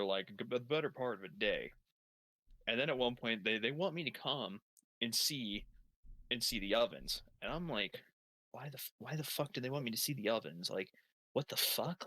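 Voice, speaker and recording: A man's voice: on the low side, pushed and bright, no room sound. A man improvising a long comedic story in first person, swearing constantly and restarting his sentences as he goes. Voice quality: heavy swearing, rambling with many restarts. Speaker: storyteller on a gaming stream.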